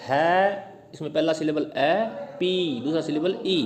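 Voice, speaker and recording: Man, teacher, patient explainer, drills example words, a touch high-pitched. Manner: repeats words slowly to show stress, mixes English reading into Hindi explanation. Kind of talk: explaining English literary terms.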